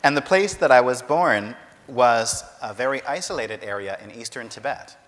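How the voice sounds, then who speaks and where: A man interpreting a talk consecutively, in steady and careful formal phrasing. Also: mid-range voice, moderate pace. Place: large university lecture hall. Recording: long hall reverb.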